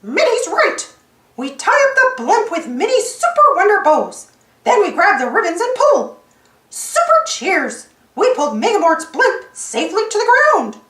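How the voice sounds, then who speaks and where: A woman voicing a cheerful, heroic little male cartoon mouse telling his adventure eagerly in a high voice. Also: huge pitch swings, measured pace, fairly bright tone, reverberant, exaggerated voice. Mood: upbeat. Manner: eager, exclamatory.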